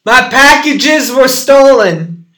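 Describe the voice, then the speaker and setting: A person on a casual family phone call, talking with the phone held away from their mouth and calling out louder so it carries to the phone. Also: sits high, animated, slow, roomy sound. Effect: phone held away from the mouth, voice distant and raised.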